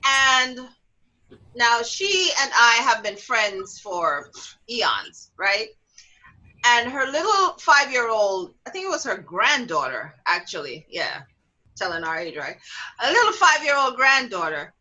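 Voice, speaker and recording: Middle-aged woman host, higher voice, super lively, acts out every quote. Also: takes it slowly, low-quality recording. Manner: animated storyteller, acts out quotes with big pitch jumps, laughs often. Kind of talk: casual talk show discussion.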